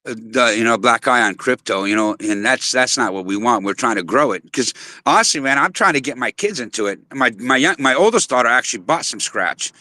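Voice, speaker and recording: A man's voice: medium pitch, expressive, a little fast, sharp tone, no room sound. A middle-aged man hosting a casual chat, speaking earnestly with many restarts. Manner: earnest, with frequent restarts and "you know" fillers. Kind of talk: casual chat on a live audio space.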